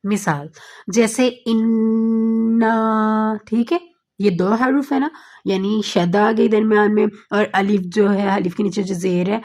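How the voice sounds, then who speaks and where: Patient woman, Quran recitation teacher, mid-pitched voice, slows down to recite the Arabic examples. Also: darkish tone. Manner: patient, repeats points with frequent checking fillers. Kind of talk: online tajweed lesson.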